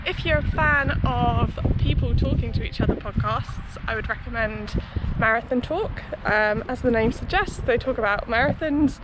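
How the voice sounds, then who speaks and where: Standing outside next to a busy city road, a young running vlogger talks casually to her vlog viewers, hedging as she goes. Her voice is a little high, at a normal speed with few pauses, and outdoor street noise and passing traffic fill the background.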